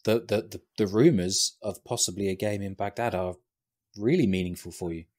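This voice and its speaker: Low-voiced male podcast host. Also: moderate pace, darkish tone. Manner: encouraging, praising the guest. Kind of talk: casual podcast interview.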